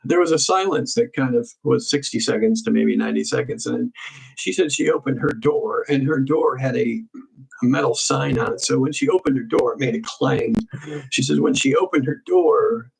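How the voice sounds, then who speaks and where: A man hosting a crime investigation show, casually walking through a case in halting speech full of ums and restarts. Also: mid-range voice, gravelly, slightly rough, poor audio.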